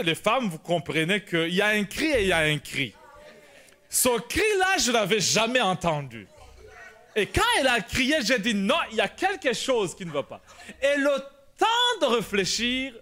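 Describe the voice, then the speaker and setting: Man, pastor, high lively voice, bright tone, animated sermon storytelling. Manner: animated storytelling, laughing and shouting at dramatic moments. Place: church prayer meeting.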